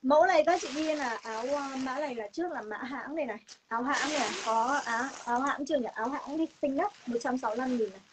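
A young woman with a Northern Vietnamese accent and a high voice hosts a live clothing sale. She chats casually to viewers while selling insistently, repeating herself and making emphatic promises. The phone recording has clear noise behind her. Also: fast talker, hardly any pauses. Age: young adult. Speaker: online clothing seller hosting a livestream sale. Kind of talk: live sales pitch, casual chat to viewers. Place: room stacked with clothing stock, indoors.

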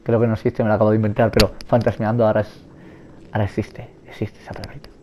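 A young man with a Spain Spanish accent, giving nervous, rambling, joking commentary while playing a horror game and shouting at its enemies. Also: fairly low pitch, little pitch movement, rapid-fire, noisy background. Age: young adult. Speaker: let's play gamer.

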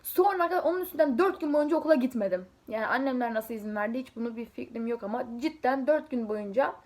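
A chatty young woman talks straight to her viewers, telling her stories in a loose, rambling way. Her voice sits a little high, and she keeps breaking off into asides and small giggles. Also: animated, quick pace. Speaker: vlogger; student preparing for an exam. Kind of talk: casual storytelling to camera.

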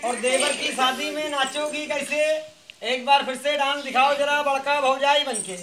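A man running a street monkey show, calling out loud teasing commands to the animals. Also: extremely high pitch, fairly even intonation, normal speed. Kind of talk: showman's patter to a crowd. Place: outdoors at a school ground. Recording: crowd noise around. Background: children's crowd.

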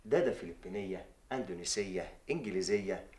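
A man's voice: low-pitched, quick pace, a little mellow, echoey room, slight background noise, close to an everyday voice. An actor playing a smug, mocking music producer about to become a father, with an Egyptian accent. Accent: Egyptian Arabic.

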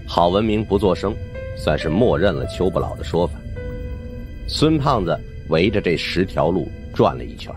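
A man with a low-sitting voice narrates a supernatural suspense novel as an audiobook, animated and at a moderate pace over music. His delivery is theatrical and suspenseful, a dramatic scripted telling of the story.

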